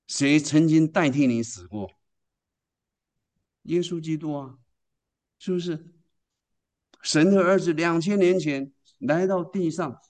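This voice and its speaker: A man's voice: fairly high pitch, dark tone. Emphatic male preacher asking questions. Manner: asks the congregation rhetorical questions and answers them; emphatic, storytelling delivery. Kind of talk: sermon.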